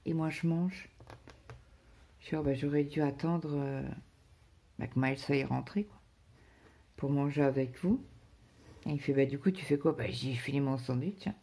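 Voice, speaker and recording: A woman's voice: a bass voice, normal speed, pauses often, warm tone, breathy edge. A woman chatting casually to her viewers about her day, rambling, with many fillers and restarts. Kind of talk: casual personal chat to viewers.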